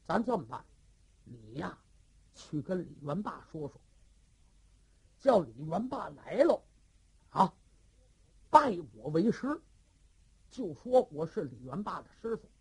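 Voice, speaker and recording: Traditional-tale bandit done by the narrator: husky, rambling, sheepish, animated. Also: mid-range voice, takes it slowly, pauses often, voice pushed down, heavily acted. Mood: scheming. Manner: rambling, self-pitying. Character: sheepish male bandit, boastful yet embarrassed. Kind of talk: traditional storytelling.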